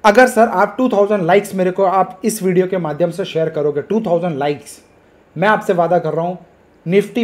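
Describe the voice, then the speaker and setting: A man hosting an energetic trading video, talking up his market calls, mixing in English phrases and urging viewers to like and share. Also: sits high. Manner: hyped, emphatic, mixes English phrases, coaxes viewers. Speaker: stock market trading educator. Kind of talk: energetic market commentary to camera.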